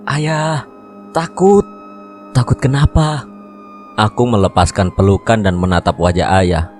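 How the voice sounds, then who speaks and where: Deep-voiced male horror storyteller. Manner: steady storytelling. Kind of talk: scripted first-person narration.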